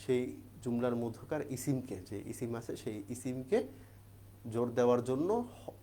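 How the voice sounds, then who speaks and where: A man's voice: medium pitch, steady tone, moderate pace, dark tone, a little hiss or hum. A man teaching an exam-prep grammar lesson, explaining step by step and asking and answering his own questions. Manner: keeps checking in with the class.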